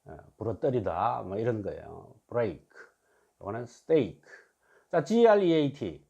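A man teaching English phonics in a slow classroom style, repeating each word and often asking his listeners to agree. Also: on the low side, sing-song, creaky, warm tone, slightly rough. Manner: repeats words slowly, asks "그죠?" for agreement. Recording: dull lo-fi recording.

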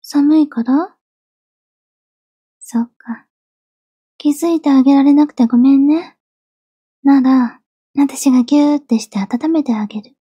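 A yandere girlfriend in an ASMR role-play, high in pitch yet very dark and velvety in tone. She sounds obsessively devoted and clingy, sweet with menace underneath. The voice is close and dry. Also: no room sound. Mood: soft, suspicious. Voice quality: soft, breathy. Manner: yandere: obsessively loving, soft, pleading turning coldly threatening.

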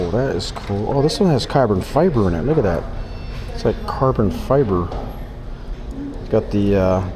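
A vlogger with a lowish voice tours a busy indoor retail store in a casual handheld product walkthrough, filmed on a head-mounted action camera. He muses to himself over the gear and exclaims at items as he goes.

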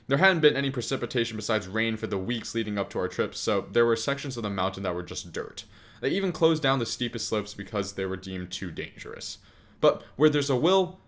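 Young male storyteller, slightly low voice, dry sarcastic comedic narration. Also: a bit bright. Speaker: storytime animator.

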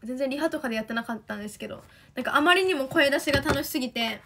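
A young woman with a Kansai accent, chatting excitedly on a livestream as an idol, reading fan comments. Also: high-pitched, noisy background. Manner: chatty, excitable, quick bursts of enthusiasm.

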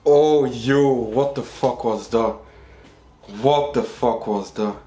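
A man hosting a reaction video, reacting to a rap track with loud, hyped exclamations. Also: medium pitch, takes it slowly, roomy sound.

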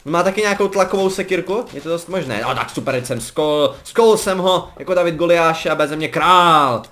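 A Czech man with a slightly high voice provides casual gameplay commentary. He's chatty and joking, rambles freely, and now and then breaks into excited yelps.

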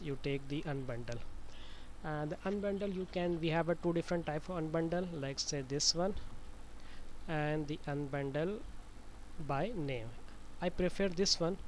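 Male tutorial presenter, higher-pitched voice, informal step-by-step delivery with hesitant repetition, some background noise. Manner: halting, repetitive step-by-step explaining. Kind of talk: informal screen-recorded tutorial. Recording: noisy amateur screencast voice-over.

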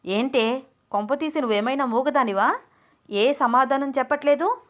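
A woman voicing a brash, short-tempered young man who talks loudly and bluntly in a told story. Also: high voice, animated, normal speed. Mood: scolding. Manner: loud, scolding, blunt.

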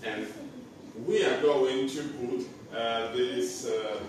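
A man's voice: mid-range voice, slow. A man in his thirties performing as a kids party magician, asking children simple questions and prompting them to chant along in short phrases. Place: indoor kindergarten classroom with children seated around. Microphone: distant camera across the room. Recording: echoey noisy room, far-off camera mic.

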